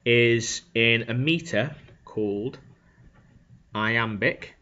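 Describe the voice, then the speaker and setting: A man's voice: medium pitch, extremely slow, pushed and bright. A male teacher, explaining a lesson step by step and often checking in with "okay?". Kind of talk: classroom lecture on Shakespeare. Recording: dull lo-fi recording.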